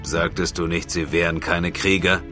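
A man voicing a gruff, suspicious male swordsman who growls his words in an audiobook. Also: low voice, fairly even intonation, normal speed, over music, natural voice.

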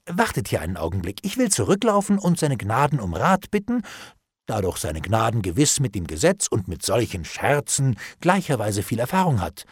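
Man playing a calm, coolly ironic nobleman. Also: medium pitch, slightly rough, no room sound, heavily acted. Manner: calm, dry, ironic, unhurried. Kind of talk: audiobook character reading.

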